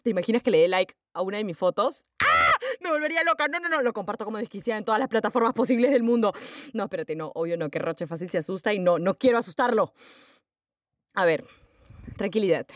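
A young woman playing an excitable fan who rambles, shrieks, swears and breaks into song in an audio story. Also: mid-range voice, fast talker, no echo, lightly acted. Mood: giddy fan rambling.

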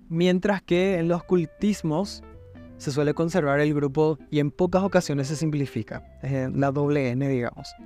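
A man from Paraguay hosts an educational podcast, walking listeners through terminology in an unhurried, explanatory manner. His voice sits a little high for a man, and he keeps checking in with short tag questions. Soft guitar music plays faintly behind him. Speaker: podcast host.

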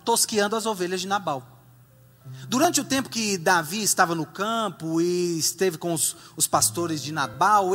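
A man preaching a sermon as a dramatic, animated storyteller in a church. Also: high-pitched, big-room sound.

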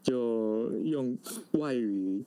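A man's voice: medium pitch, very slow, dark tone, smooth. A native Japanese man speaking with a Japanese accent, answering interview questions conversationally and searching for words. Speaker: interview guest.

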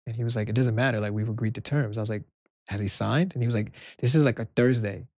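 A soft-spoken man from Brooklyn, a music executive guest, telling stories in an interview and acting out the dialogue. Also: on the low side, very fast, no echo, clean studio sound. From Brooklyn, New York. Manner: animated storyteller acting out quoted dialogue. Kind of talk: storytelling interview answers.

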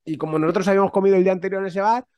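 A man co-hosting a podcast, telling anecdotes in animated, quick bursts. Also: high-pitched, clean tone, dry recording. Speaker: podcast co-host. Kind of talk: casual podcast storytelling.

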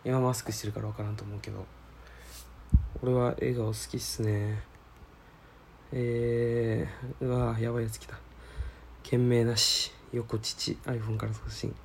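A man's voice: mid-range voice, little pitch movement, a little slow, gravelly, long pauses, slight background noise. A man hosting a casual solo radio-style show, reading listener mail and talking in a rambling, laid-back, slangy way while searching aloud for his words.

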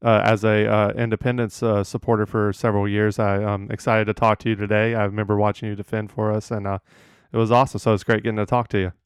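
A man's voice: lowish voice, little pitch movement, fast, clean tone, no echo, clean studio sound. A young man hosting an interview podcast, eager and a little stumbling, with frequent "uh". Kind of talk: casual interview.

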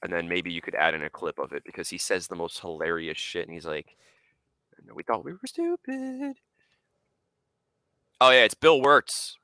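Man, podcast co-host, casual chat, bright tense voice, rambling, dry close sound. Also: low-pitched, fairly quick, clear, resonant tone, no echo. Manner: excitable, rambling, laughs a lot.

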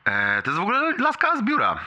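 Bright-voiced young man leaving a voicemail. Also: high voice, wildly swooping pitch, fast. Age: late 20s. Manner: chatty, self-ironic, often chuckling, slangy with English phrases. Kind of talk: casual, rambling voice message to a friend, like leaving a voicemail.

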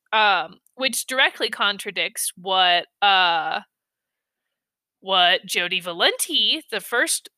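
A young woman hosts a casual true-crime podcast, unhurried and chatty, dropping ums and frank, sometimes crude asides. Her voice is strikingly bright and smooth, recorded close and dry with no room sound. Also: medium pitch, no room sound. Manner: frequent ums and uhs, offhand asides; blunt, swears casually. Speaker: podcast host.

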